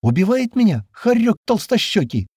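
A man's voice: a little high, big pitch swings, moderate pace, mellow, husky, dry recording, studio quality, pitched above the performer's own voice. A man voicing a naive, teasing young woman who grows insistent, read for an audiobook. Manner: playful, innocent, then insistent.

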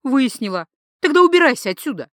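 A woman's voice: fairly high pitch, animated, moderate pace, fairly bright tone, no echo, clean studio sound. A woman reading an audiobook, voicing a blunt, exasperated young woman.

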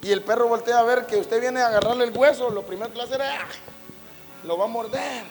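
A man preaches in a high voice. He tells folksy, homey stories and slips into playful voices as he acts them out. His voice rings through a reverberant church hall with faint music underneath. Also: steady tone, fast talker. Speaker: pastor. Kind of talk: sermon.

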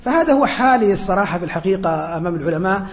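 A man teaching as a sheikh, answering students' questions in an earnest, humble way with frequent hesitant pauses. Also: high voice, lively intonation, in a large hall. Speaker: sheikh teaching a religious lesson.

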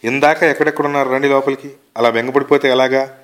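A man's voice: medium pitch, steady tone, fast talker, fairly bright tone, voice pushed up, lightly acted. A man reading aloud and voicing a caring wife who soothes her husband while anxious herself. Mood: worried. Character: caring, worried wife, tearful.

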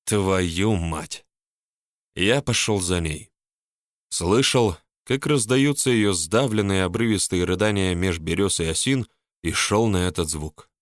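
A man reading a first-person story as an audiobook narrator, calm and steady. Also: lowish voice, no room sound, clean studio sound.

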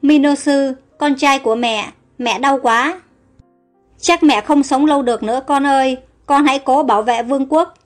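A wounded old queen mother in a storybook, speaking faintly as her strength fades, read by a woman in her own voice. The voice stays high. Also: moderate pace, faint music behind, close to an everyday voice. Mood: weak. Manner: faint and feeble.

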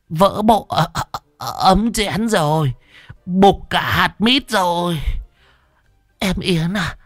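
A man's voice: sits high, fairly bright tone, no room sound, clean studio sound, pitched above the performer's own voice, exaggerated voice. A man doing a whiny, groaning old lecher. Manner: moaning, stammering complaints.

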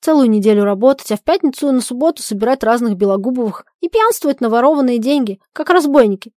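A woman voicing a young idealistic husband, torn and despairing, pleading loudly and breaking into shouts in a dramatic stage-play reading. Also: on the high side, expressive, fast talker, no echo, studio quality, close to an everyday voice. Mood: bitter resignation. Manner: loud, pleading, outbursts of shouting.

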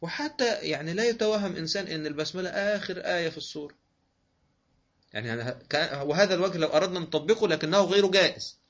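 A man's voice: high-pitched, expressive, fairly bright tone. Egyptian man teaching recitation rules, dull audio. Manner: patient, repeats rules slowly, asks and answers his own questions. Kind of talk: online tajwid lesson. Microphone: online voice room.

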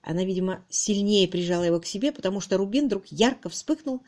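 A woman narrating an audiobook in an expressive, dramatic reading style. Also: mid-range voice, fast talker. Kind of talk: scripted narration.

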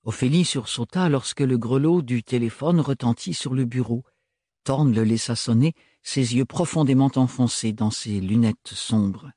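A male narrator reads a novel aloud in a measured, even storytelling manner. His voice is mid-pitched and husky, recorded close and dry. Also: no echo. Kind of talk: audiobook reading.

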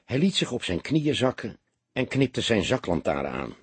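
A man narrating a detective audiobook in an expressive storytelling manner. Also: mid-range voice, normal speed, breathy edge, no echo.

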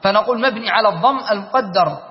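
High-voiced sheikh teaching grammar in a hall. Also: male voice, fast talker. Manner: explains verse by verse, repeats key words, checks understanding. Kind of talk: classical grammar lesson. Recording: dull lo-fi audio with long hall reverb.

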